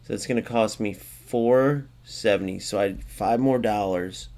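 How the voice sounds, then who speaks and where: With a lowish, mellow voice and a slightly slow delivery, this man runs a gaming channel. He talks to his viewers as guys in a chatty, offhand way, thinking out loud and muttering the math as he adds up points.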